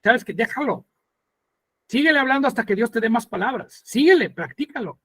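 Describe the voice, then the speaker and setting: A male pastor teaching a sermon, earnest and explaining slowly with pauses. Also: animated, sharp tone, dry recording. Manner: mimics mocking voices in a higher pitch.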